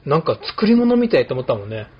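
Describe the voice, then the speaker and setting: Hosting a casual podcast chat, this Kumamoto barber in his late fifties spins relaxed, filler-heavy stories at a fast pace. His pitch is medium, and there's noise in the background. Recording quality is slightly dull lo-fi.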